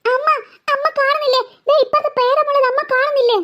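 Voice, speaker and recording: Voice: very high-pitched, flat delivery, fast, dull audio. A performer voicing a frightened young girl who pleads and stammers in panic. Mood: pleading. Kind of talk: cartoon voice acting.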